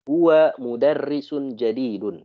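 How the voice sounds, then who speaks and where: A man's voice: mid-range voice, unhurried, dry recording, muffled recording. A man with an Indonesian accent teaching an online Arabic class, patiently correcting and translating phrases.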